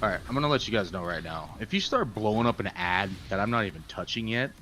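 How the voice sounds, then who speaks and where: A man's voice: on the low side, expressive, fast talker, background noise. A man giving blunt instructions to fellow players over online gaming voice chat. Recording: voice chat under loud game music.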